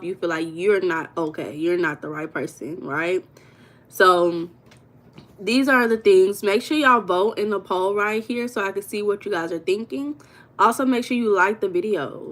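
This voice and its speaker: American woman, livestream host, casual and chatty, talks straight to her viewers. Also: on the low side. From United States. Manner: chatty, addresses viewers as y'all, reads comments aloud.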